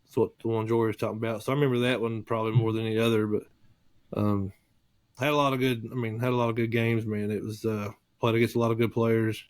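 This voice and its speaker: A man's voice: fairly low pitch, level tone, fast talker, no echo. A man reminiscing in a casual interview chat, rambling with fillers and self-corrections.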